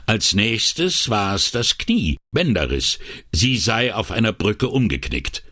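A man's voice: fairly low pitch, big pitch swings, slow pace, sharp tone, voice pushed up, heavily acted. A man voicing a young, modest police officer who speaks hesitantly.

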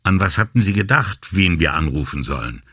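A man reading an audiobook voices a calm, politely ironic and skeptical male police commissioner. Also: deep voice, brisk, husky, no room sound, clean studio sound, full character voice. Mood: dry. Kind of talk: audiobook character voice.

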